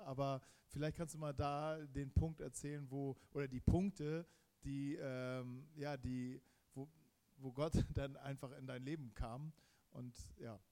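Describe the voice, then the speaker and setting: Male interviewer, mellow voice, halting filler-laden questions. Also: medium pitch. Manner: hesitant, full of fillers.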